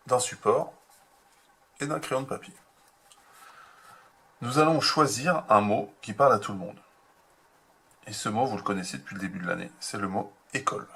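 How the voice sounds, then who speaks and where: A man teaching a remote handwriting lesson to young children, slow and patient, spelling out each step. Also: lowish voice, vocal fry, fairly bright tone, slightly rough. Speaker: kindergarten teacher.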